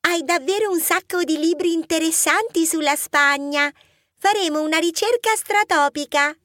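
A woman's voice: extremely high pitch, moderate pace, a bit bright, dry recording, clean studio sound. A cheeky little girl mouse. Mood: teasing.

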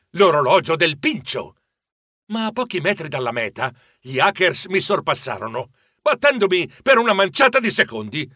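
A man narrating a children's adventure audiobook with playful, expressive storytelling. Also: fairly high pitch, no room sound, clean studio sound.

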